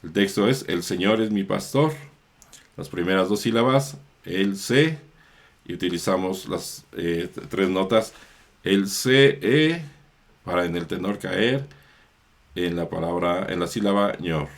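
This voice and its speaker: A priest explaining how psalms are chanted, in a slow, measured lesson with small self-corrections. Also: male voice, low voice, creaky.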